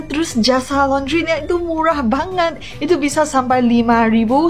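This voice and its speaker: A young woman, telling stories casually and expressively. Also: sits high. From Malaysia. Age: young adult. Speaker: university student abroad. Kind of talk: casual storytelling.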